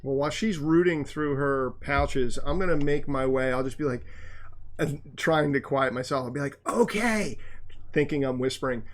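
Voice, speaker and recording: A man's voice: mid-range voice, fairly even intonation, moderate pace. A man playing a tabletop game, thinking aloud as he plans his character's moves over an online call. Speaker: player. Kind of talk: casual tabletop game play.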